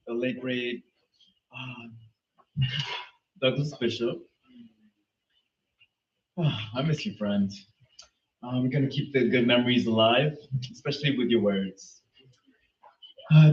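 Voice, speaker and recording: Guy reading a poem at an open mic, earnest and measured, roomy echo, dull far-off sound. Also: mid-range voice. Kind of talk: poetry reading. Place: small venue.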